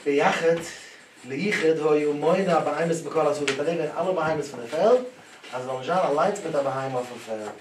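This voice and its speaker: A man giving a Talmud lesson, animated, his voice rising and dropping sharply as he tells the stories. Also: a little high, very fast. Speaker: Talmud teacher. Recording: echoey room, voice from a distance, clear background noise.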